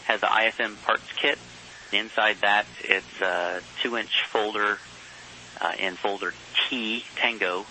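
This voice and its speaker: A man's voice: on the low side, steady tone, slow, pushed and bright, slight background noise, poor audio. A man working as a mission control communicator, giving procedural but conversational messages over a space radio link. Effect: space radio transmission.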